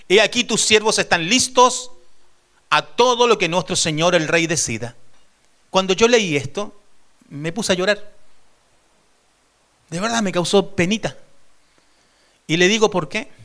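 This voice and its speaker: A man preaching a sermon as pastor, emphatic, asking the congregation questions and swinging between raised and hushed delivery. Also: high voice.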